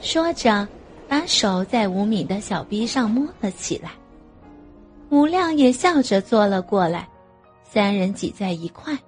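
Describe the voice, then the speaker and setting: A woman narrating an audio novel in a slow, even storytelling manner. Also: mid-range voice, faint music behind.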